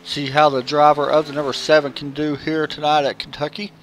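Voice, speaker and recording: A man's voice: fairly high pitch, little pitch movement, a little fast, slight background noise. Southern-accented man calling a sim race. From American South. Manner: casual, chatty, with frequent fillers. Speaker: race commentator. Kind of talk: live sim-racing commentary.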